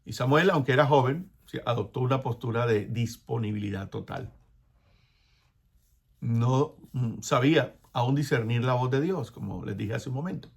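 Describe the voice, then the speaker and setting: Animated male preacher, hushed prayerful asides. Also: medium pitch, moderate pace, vocal fry, slightly rough. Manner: acts out biblical dialogue with hushed prayerful asides; animated, laughs between phrases. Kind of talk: sermon.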